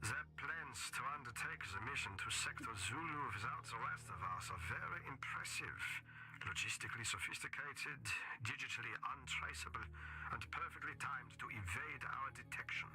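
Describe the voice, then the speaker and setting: An actor playing a stern, menacing military commander in a video game, speaking in intense, formal, righteous declarations. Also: male voice, mid-range voice, moderate pace, music in the background, lightly acted, low-quality recording. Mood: stern, controlled. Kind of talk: dramatic video game voice acting.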